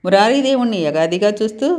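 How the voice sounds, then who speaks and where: A woman reading a romantic story aloud as the channel's storyteller, expressive and voicing the dialogue with feeling. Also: medium pitch, fast.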